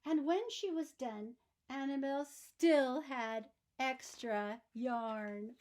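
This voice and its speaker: A woman with a voice that sits high reads a children's storybook aloud, narrating expressively. Her phrasing is deliberate and emphatic, aimed at young listeners.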